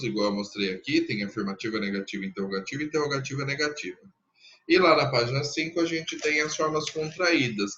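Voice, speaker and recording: Bright-voiced Brazilian teacher explaining patiently. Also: male voice, mid-range voice, lo-fi sound. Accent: Brazilian Portuguese. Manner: patient, explains step by step, repeats example sentences slowly. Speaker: English teacher. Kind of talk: recorded classroom lesson.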